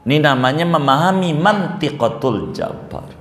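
A man's voice: a little high, expressive, moderate pace, a bit bright, a little hiss or hum. A middle-aged man preaching a sermon, firing rhetorical questions and joking asides. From Banten, Indonesia. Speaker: Islamic preacher. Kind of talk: sermon to a congregation.

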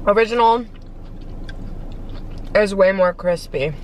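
A woman's voice: medium pitch, takes it slowly, slight background noise, poor audio. A young woman vlogging a casual mukbang, chatting between bites with her mouth full of chewy pearls.

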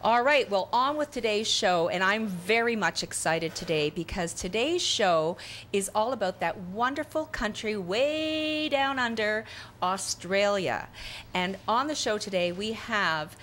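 A welcoming woman from Canada opens a talk show with upbeat energy. Her voice sits at a middle pitch. Faint noise hums in the background. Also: a little slow, fairly bright tone. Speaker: co-host.

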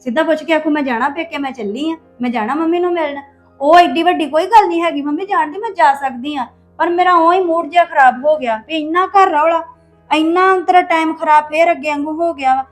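Woman voicing an upset young wife, high voice, pleading and defensive, family web drama, soft music underneath. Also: brisk, natural voice. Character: hurt young wife, defensive, troubled by husband. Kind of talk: acted family drama dialogue.

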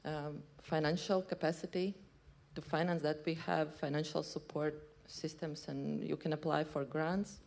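A woman in her thirties speaking as a panelist on a stage, answering haltingly with pauses into a handheld mic. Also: deep voice, flat delivery, creaky, darkish tone. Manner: halting, many fillers and restarts. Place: stage in a large hall.

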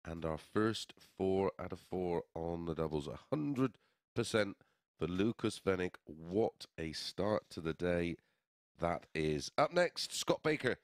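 A man's voice: sits low, lively intonation, measured pace, no room sound, clean studio sound. A man giving sports commentary on a darts match as a broadcast commentator.

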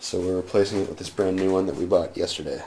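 A man's voice: low-pitched, steady tone, fast talker, mellow. A teenage boy casually explaining, step by step, how he and a friend are building a chair in a home workshop, recorded on the camera mic. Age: teens. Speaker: student builder. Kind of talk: casual project narration.

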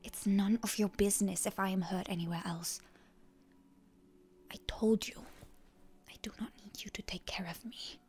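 A woman whispers in a hushed, breathy ASMR roleplay as a proud, wounded, prickly hero girl who is suspicious and defiant toward her enemy. Her mid-range voice is steady at a moderate pace, pausing often and close to an everyday voice, with a defiant, hurt mood.

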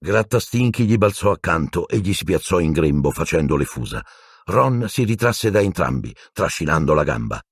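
Deep husky guy reading a storybook, lively, dry sound. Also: moderate pace, no room sound. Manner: expressive reading, voices each character. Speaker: audiobook narrator. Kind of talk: storybook narration.

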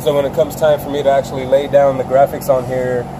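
A man's voice: mid-range voice, fast talker. Chill 30s guy talking through his sanding job, noisy shop, camera mic. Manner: relaxed, plain explaining with restarts. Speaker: vinyl wrap installer. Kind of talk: casual interview answers. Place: large open-sided RV service shop.

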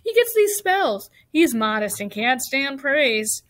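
Storybook farmer, male, excitable, high and hollering a woman acts him out, dry sound. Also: measured pace, no echo. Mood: urgent, defensive. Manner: hollering, exclamatory. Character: excitable male farmer, proud owner of prize pig. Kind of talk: storybook character read aloud.

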